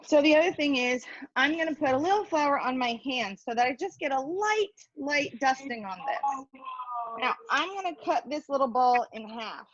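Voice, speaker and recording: Muffled audio captures a cooking instructor whose high voice has lively intonation and a moderate pace as she chats playfully, mocking herself a little, through each step.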